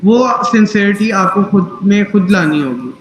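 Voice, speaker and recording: A man's voice: high voice, expressive, echoey room, a little hiss or hum, poor audio. A man teaching tajweed in an online class, patient and corrective, mixing English phrases into his speech. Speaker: Quran recitation teacher.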